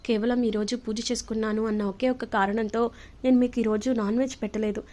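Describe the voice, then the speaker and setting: A woman's voice: a little high, little pitch movement, brisk, mellow, lightly acted. A woman voicing a meek pleading young wife. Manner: pleading, polite.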